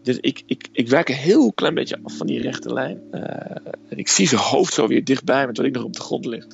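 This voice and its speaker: A man telling a personal story in a casual, hesitant way, filling pauses with "eh". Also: mid-range voice, animated, gravelly, lo-fi sound, soft background music. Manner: hesitant storytelling, frequent "eh" fillers.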